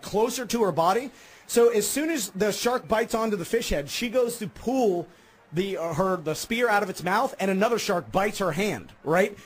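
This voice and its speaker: A man hosting a morning radio show, telling a story in an animated way, laughing often and acting out other people's voices. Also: sits high.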